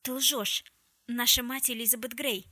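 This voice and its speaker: Defiant young woman hissing back, woman reading, bright dry voice. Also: a little high, fairly even intonation, moderate pace, no room sound. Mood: shocked.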